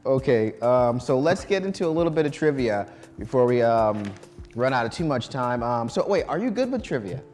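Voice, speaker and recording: Hosting a live quiz show from a college studio, this man speaks at mid pitch in a casual, loose manner full of ums and restarts. His pitch swings widely, his pace is moderate, his tone darkish, and faint music sits behind him.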